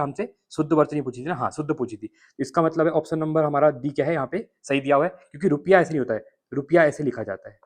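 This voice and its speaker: A man teaching as an exam coach, walking through test questions one by one and checking often that listeners follow, with an Uttarakhand Hindi accent. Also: fairly high pitch. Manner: explains answers step by step, repeating checks with listeners.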